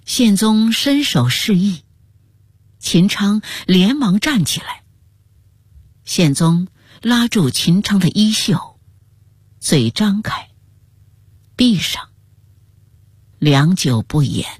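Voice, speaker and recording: A woman narrating a scripted historical radio story, slow and hushed, at times close to a whisper. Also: medium pitch, big pitch swings, slightly rough, no echo.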